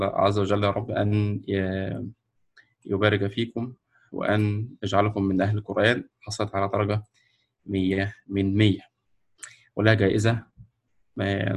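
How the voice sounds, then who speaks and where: A lowish, vocal-fried voice belongs to an Egyptian man hosting an online award ceremony, where he names the winners while presenting his screen on a video call. His Egyptian Arabic-accented speech is slow and hesitant, packed with fillers and false starts.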